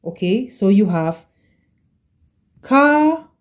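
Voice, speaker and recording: Slow, patient woman teaching French. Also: mid-range voice, expressive. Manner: patient, repeats words slowly and checks in with "okay?". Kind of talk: slow explanatory language lesson.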